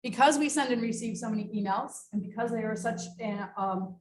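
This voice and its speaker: A workshop presenter with a voice on the high side moves briskly through a training session, explaining informally and mixing prepared points with off-the-cuff remarks. There's slight background noise.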